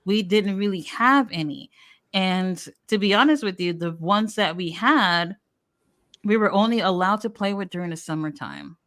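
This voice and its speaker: An American woman in her thirties whose first language is Haitian Creole hosts a show and chats candidly, telling stories full of fillers. Her mid-range voice moves at a moderate pace and sounds a bit bright.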